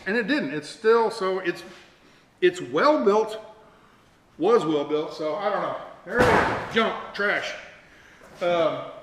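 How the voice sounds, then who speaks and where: A middle-aged man giving a casual, rambling, self-deprecating hands-on show-and-tell in a folksy way, as host of a do-it-yourself vlog. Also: high-pitched. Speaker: host of a DIY build vlog. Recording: echoey room, faint noise, camera mic.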